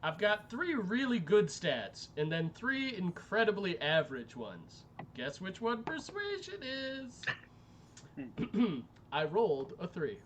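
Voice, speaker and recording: A man's voice: high voice, big pitch swings, takes it slowly, a little hiss or hum. A man playing a tabletop game, chatting playfully. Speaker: player. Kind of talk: casual tabletop game chat.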